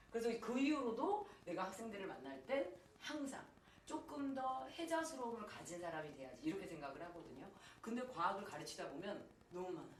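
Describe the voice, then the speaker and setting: A woman in her thirties teaching high school chemistry, her pitch swinging up and down as she talks. She keeps firing questions at the class and answering them herself, breaking off into a personal story. She sounds a little distant in a reverberant room with faint ambient noise. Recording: echoey room, far from the mic, faint ambience.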